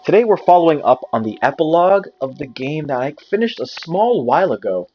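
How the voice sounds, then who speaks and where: A man's voice: on the high side, big pitch swings, a little fast, a little mellow, poor audio. A man hosting a let's-play video, talking casually over the game in a rambling way, correcting himself and adding dry asides. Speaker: gaming video host. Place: indoor room near a window on a windy day.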